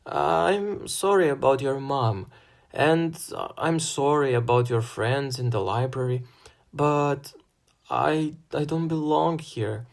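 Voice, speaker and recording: A man's voice: medium pitch, slow, vocal fry. A man voicing a sarcastic teenage boy who turns panicky. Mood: panicked.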